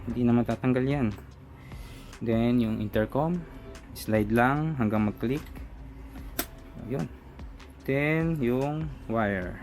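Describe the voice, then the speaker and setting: A Filipino man with a mid-range, slightly mellow voice casually reviews a product, talking through its unboxing and installation step by step. His narration of his own hands-on work is informal. Background music accompanies him.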